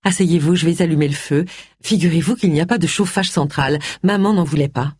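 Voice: mid-range voice, brisk, a little mellow, breathy edge, no echo, lightly acted. A reader voicing a theatrical, gushing heiress near sixty from a storybook, with a dry, close sound. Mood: wry. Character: Cassandra, eccentric heiress near sixty, woman.

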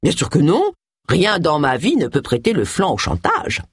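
A stern, indignant village pastor, haughty and quick to exclaim, put on by a woman reading the story. His voice leaps about in pitch and carries a husky edge. It sounds close and dry. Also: wildly swooping pitch, dry recording, heavily acted.

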